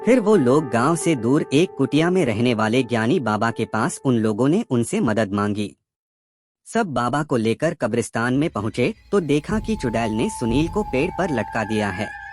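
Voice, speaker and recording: A man narrating a scripted horror story in a lively storytelling manner. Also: moderate pace. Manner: lively storytelling with dramatic pitch swings. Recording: loud music behind the voice. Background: loud background music.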